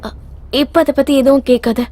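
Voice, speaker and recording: A woman's voice: high-pitched, fairly even intonation, a little fast, darkish tone, no room sound, close to an everyday voice. An actress dubbing a spirited young woman, playful and evasive with her fiancé. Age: young adult. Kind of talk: Tamil film dubbing.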